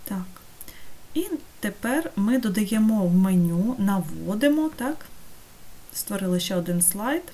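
A woman teaching an online course, talking through a screen-recorded software tutorial step by step and checking in with her students. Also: medium pitch, animated, measured pace, slight background noise. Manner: patient, step-by-step, checks in with "так?".

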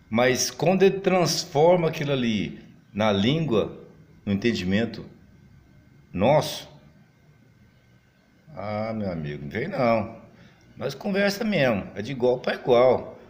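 A man speaking in a casual monologue, chatty and animated, his voice swinging up and down as he talks. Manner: animated, big pitch swings, mimics other voices; chatty, frequent fillers and restarts.

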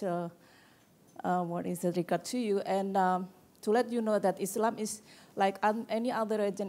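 A woman with an Indonesian accent puts a question to a panel from the audience. She pauses often and reaches for her words as she goes. Her voice sits at an ordinary middle pitch. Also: darkish tone. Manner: hesitant, searching for words, many fillers. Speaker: audience member asking a question.

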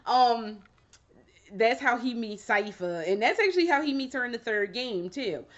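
A woman's voice: a little high, lively intonation, brisk, a bit bright, highs cut off. Woman chatting in a slangy recap. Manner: casual, slangy and swearing, laughs while retelling. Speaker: vlogger reviewing a show. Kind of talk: casual chatty review.

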